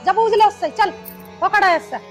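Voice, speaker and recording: A woman's voice: very high-pitched, moderate pace, faint music behind. An actress playing a harsh, nagging older mother-in-law with a Haryanvi accent in a village film drama. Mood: bitter. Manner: nagging, sharp-tongued.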